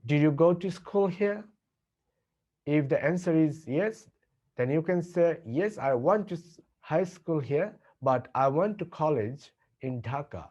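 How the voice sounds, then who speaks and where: A man with a Bangladeshi accent teaching English, slowly repeating example questions and answers. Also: a little high, lively intonation, darkish tone, dull audio. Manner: slow, deliberate repetition of example sentences. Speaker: English tutor. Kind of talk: language lesson with model dialogues.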